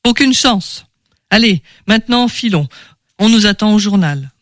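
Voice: mid-range voice, lively intonation, unhurried, dry recording, natural voice. An impetuous journalist who sneers at superstition, voiced for a storybook reading by an actor. The voice sits mid-range and sounds indignant and scornful. Dry, close sound. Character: hot-headed male journalist, scornful skeptic. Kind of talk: audiobook character reading.

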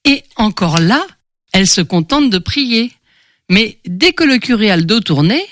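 A mocking male journalist who knows his history, in a storybook reading voiced by a woman. The voice is mid-pitched with a wry, knowing tone. Dry and close. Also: no echo, natural voice.

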